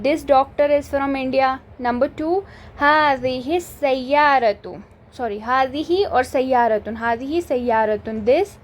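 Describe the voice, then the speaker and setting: A woman with a high voice teaches an Arabic grammar lesson and speaks very slowly and deliberately. She reads each example sentence and then translates it word by word. She often stops to ask if the point is clear. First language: Urdu. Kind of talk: grammar lesson in mixed Hindi-Urdu and English.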